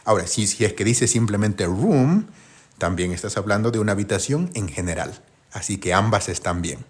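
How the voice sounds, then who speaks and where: A husky, lower-pitched man giving a live grammar lesson. He walks through each step by posing questions to his viewers and answering them himself, with a lively, rising and falling delivery. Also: moderate pace. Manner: patient, step-by-step explaining. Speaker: English teacher.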